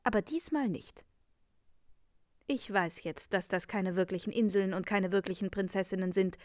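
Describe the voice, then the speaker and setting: A woman's voice: mid-range voice, normal speed, darkish tone, no room sound, lightly acted. A woman voicing an earnest, indignant young prince in a read-aloud fairy tale, in her own voice. The room sounds dry.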